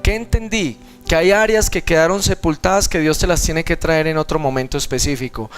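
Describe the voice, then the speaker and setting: A man's voice: a little high, fairly quick, faint music behind. A young man with a Colombian Spanish accent preaching at a seminar, telling a personal testimony and acting out the voices in it. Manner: earnest storytelling, acts out dialogue in other voices. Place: seminar hall.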